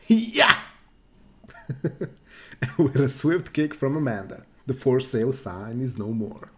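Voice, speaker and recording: A man streaming a game and reading its first-person narration aloud in a quick, playful way. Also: medium pitch, dark tone. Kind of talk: reading a visual novel aloud.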